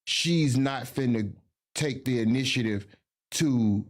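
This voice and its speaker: A man's voice: medium pitch, slow. Defensive male guest, mid-range voice, argues back and trips over his words. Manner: defensive, repeats himself, stammers when pressed. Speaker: podcast guest. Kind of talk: heated casual interview.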